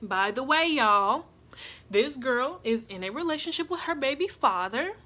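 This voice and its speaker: A woman's voice: high voice, normal speed. Chatty young woman telling a story. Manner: chatty, animated storytelling with asides to viewers. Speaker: vlogger. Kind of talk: casual storytime.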